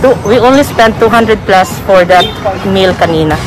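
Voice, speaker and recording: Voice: mid-range voice, expressive, moderate pace. A food vlogger, speaking through a face mask, chatting casually and mixing languages while ordering at a street stall. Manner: code-switching, chatty, laughs often. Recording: noisy street with loud music and crowd. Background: street crowd, vehicles and music.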